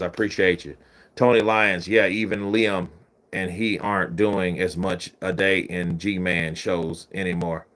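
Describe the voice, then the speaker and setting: A man's voice: lowish voice, fairly bright tone. A man hosting a boxing livestream, chatting casually, reading out and thanking viewers by name.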